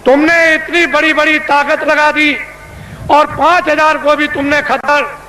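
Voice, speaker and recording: An older man giving a booming, political rally-like sermon, declaiming in rhetorical questions and repeated phrases and demanding answers from his listeners. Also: flat delivery, a little slow, pushed and bright. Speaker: religious leader addressing a mass gathering. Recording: echoing, noisy public-address recording from 1980s.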